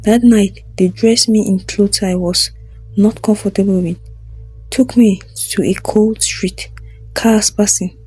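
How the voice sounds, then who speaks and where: A woman narrating a scripted first-person story in a solemn, measured way. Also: mid-range voice, darkish tone, slightly rough, no echo.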